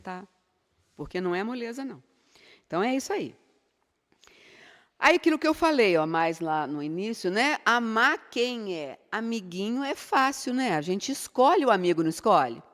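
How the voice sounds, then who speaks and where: A middle-aged Brazilian woman giving an informal spiritual lecture, chatty and full of rhetorical questions. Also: lowish voice. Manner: conversational, rhetorical questions with frequent tag "né?". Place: spiritist center hall. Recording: long hall reverb.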